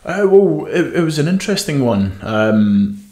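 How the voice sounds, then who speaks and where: Speaking on the high side and very animated, this young Scottish swimmer from the west coast shares his story as a podcast guest, frequently starting over mid-thought. His tone is warm and his pace moderate. He's recorded on a stand-mounted desk mic in a small, echoey podcast room.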